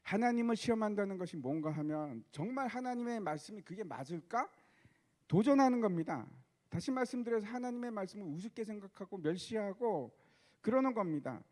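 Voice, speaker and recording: Man, pastor, high-pitched voice, sermon, rhetorical questions. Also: expressive, brisk, darkish tone.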